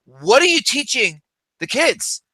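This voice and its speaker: Thirtysomething guy rambling on a chat show, really bright voice, dry close sound. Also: extremely high pitch, sing-song, a little slow, breathy edge, no echo. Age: 30s. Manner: rambling, many fillers and restarts. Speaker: podcast co-host. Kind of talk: casual chat.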